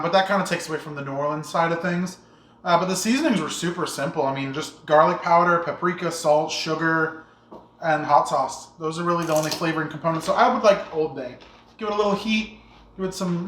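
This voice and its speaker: A relaxed cooking-show co-host chatting casually about a dish, trailing off with fillers. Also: mid-range voice, brisk, reverberant.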